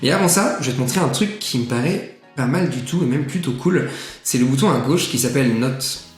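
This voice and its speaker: A man casually walking the viewer through a software tutorial, chatty and full of filler sounds. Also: medium pitch, lively intonation, fairly quick. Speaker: tutorial presenter. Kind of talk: casual screen-share tutorial. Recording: echoey room, faint music.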